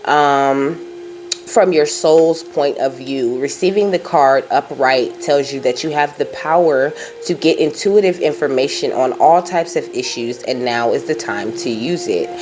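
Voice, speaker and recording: A woman with a bass voice and a somewhat dark tone, speaking a little slowly, delivers a casual psychic reading with cards. As a tarot reader she rambles reassuringly, relaying Spirit's messages and often saying "you know" and "okay?"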